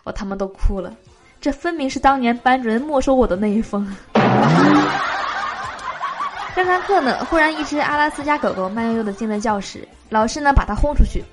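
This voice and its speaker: A woman's voice: on the high side, lively intonation, quick pace, music in the background. A woman hosting a show, reading short jokes aloud and laughing at her own punchlines. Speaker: host.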